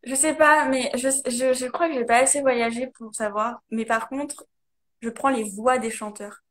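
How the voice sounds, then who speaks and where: A woman's voice: a little high, steady tone, normal speed, fairly bright tone. A woman in casual conversation, explaining ideas animatedly with many fillers. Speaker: guest, coach. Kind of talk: casual conversation, live video.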